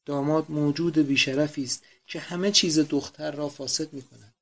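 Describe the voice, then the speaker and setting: A man's voice: fairly high pitch, steady tone, fairly bright tone. A man voicing a dying old father who pleads feverishly for his daughters. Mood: raving.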